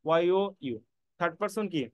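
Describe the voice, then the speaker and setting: A man's voice: a little high, moderate pace, fairly bright tone, clear, resonant tone, no echo, lo-fi sound. A man teaching an online English grammar class, repeating points and spelling words out letter by letter while reassuring his students. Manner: reassuring, addresses students directly. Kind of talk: online admission-prep lecture.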